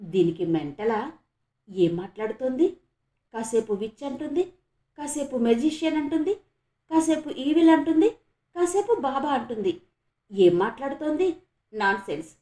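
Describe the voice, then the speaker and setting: A woman's voice: sits high, lively intonation, normal speed, pauses often, dark tone, echoey room. A woman voicing a sensible, impatient schoolgirl in an audiobook, speaking in a scolding, exasperated way. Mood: scornful.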